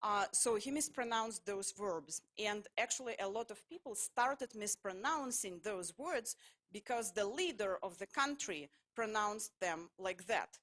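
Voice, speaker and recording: Give me a woman giving a public talk in a halting voice of middling pitch, pausing and restarting often. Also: lively intonation, fairly bright tone. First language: Russian. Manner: halting, full of hesitations and restarts. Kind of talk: lecture-style public talk.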